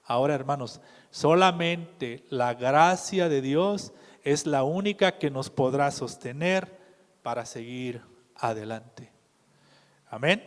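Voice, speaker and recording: A man preaching a sermon in a measured way, often putting questions to the congregation. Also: mid-range voice, expressive. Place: church hall. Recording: reverberant church hall.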